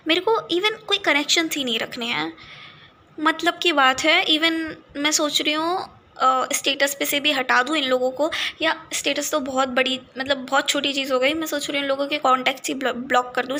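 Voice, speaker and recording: A young woman from India vents to camera in a casual vlog. Her voice sits high and sounds bright and sharp. She drifts between languages, frustrated but talkative. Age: young adult. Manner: frustrated, mixing Hindi and English. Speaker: vlogger. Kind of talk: casual venting monologue.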